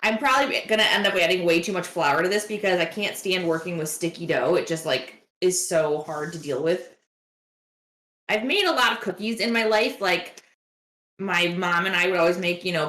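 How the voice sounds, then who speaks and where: A woman's voice: on the low side, a little fast, fairly bright tone, echoey room. A woman hosting a baking livestream, chatting casually and rambling with lots of "like" fillers. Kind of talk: casual chat while baking. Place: home kitchen.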